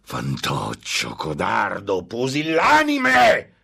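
A man voicing a scornful, menacing male demon tempter in an audiobook reading, slow and drawn out, swelling into shouts. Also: on the low side, animated, pitched above the performer's own voice, full character voice. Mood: furious.

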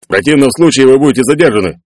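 A man's voice: mid-range voice, animated, very fast, a little mellow, dry recording, clean studio sound, pitched above the performer's own voice, natural voice. A man doing a stern officious gendarme. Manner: officious, formal. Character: stern formal male gendarme.

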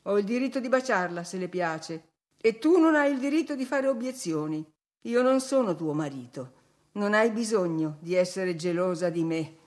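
A woman's voice: medium pitch, animated, normal speed, a little mellow, natural voice. A woman reading aloud voices a brooding, insolent young man who grumbles defiantly.

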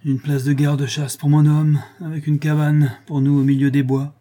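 A man doing a gruff, blunt working-class woman. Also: on the high side, flat delivery, normal speed, warm tone, voice pushed up, natural voice. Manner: gruff and outspoken.

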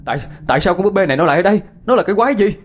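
A man voicing a panicked young male student who stammers and shouts frantically. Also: mid-range voice, very animated, brisk, slight background noise, lightly acted. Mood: frantic panic.

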